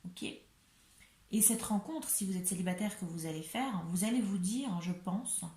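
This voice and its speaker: A woman's voice: medium pitch, moderate pace, mellow, echoey room. A French woman giving a chatty, reassuring tarot reading to her viewers, with many fillers and restarts. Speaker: tarot card reader. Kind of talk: casual tarot reading to camera.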